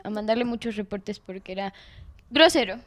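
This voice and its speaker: A woman's voice: mid-range voice, lively intonation, brisk, dry recording. A woman with a Mexican accent, co-hosting a podcast in casual chat, blunt and slangy, with some swearing. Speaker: podcast co-host.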